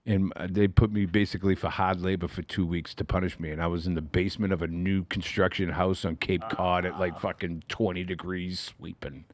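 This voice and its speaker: A man's voice: sits low, flat delivery, fairly quick, hardly any pauses. A middle-aged man from the Boston area telling a long story in casual chat, swearing freely and acting out the voices in it. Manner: profane, laughing, acts out voices in his stories.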